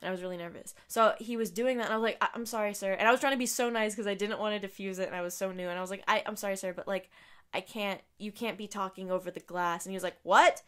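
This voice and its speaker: A young woman co-hosting a podcast, chatting casually and telling work stories, acting out what people said and trailing off softly at times. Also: mid-range voice, steady tone, racing, clear, resonant tone. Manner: storytelling, acts out quotes, trails off softly. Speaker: podcast co-host. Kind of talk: casual chat.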